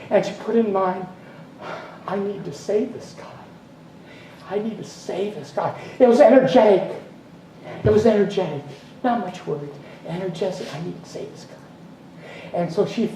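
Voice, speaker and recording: A man's voice: high voice, mellow, slight background noise. A man giving a sermon as minister, rambling and breaking off with chuckling asides. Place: spiritual center meeting room. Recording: roomy hall from a distance, faint ambience.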